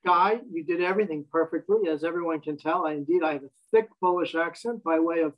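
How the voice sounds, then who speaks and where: A wry American man in his fifties, from the United States, appears as a guest in a casual interview conversation. He tells stories in a self-deprecating way, speaking fast in a slightly high voice on a muffled recording.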